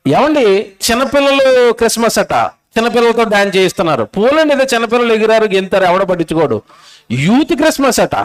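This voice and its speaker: A male preacher with a Telugu accent gives a sermon at a convention, his voice very high and smooth. He presses his listeners with one insistent rhetorical question after another, scolding as he goes. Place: convention stage.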